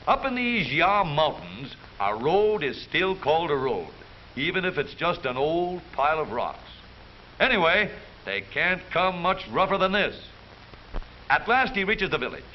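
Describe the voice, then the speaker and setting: Reading from a script, an American man narrates a 1930s newsreel with jaunty, theatrical wisecracks. His voice is on the high side, sing-song and a little slow, heard through a muffled, hissy period soundtrack.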